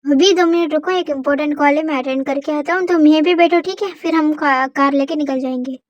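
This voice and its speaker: A woman's voice: sits high, fairly quick, no room sound, highs cut off, lightly acted. A woman voicing an eager young husband. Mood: coaxing. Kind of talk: fan audio drama.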